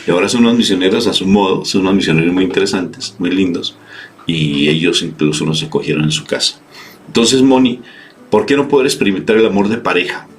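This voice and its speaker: Man, very low voice, fervent preacher, earnest reflection, faint noise behind. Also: fairly quick. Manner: earnest, fervent, acts out pleas in a higher voice. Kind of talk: spoken reflection and sermon.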